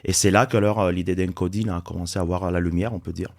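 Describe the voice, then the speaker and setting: A man from Turin with an Italian accent, a native Italian speaker, explaining things calmly as a podcast guest with frequent hesitations. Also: low-pitched, gravelly. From Italy, Turin. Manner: measured, explanatory, many hesitations. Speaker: startup founder, podcast guest. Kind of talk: casual interview.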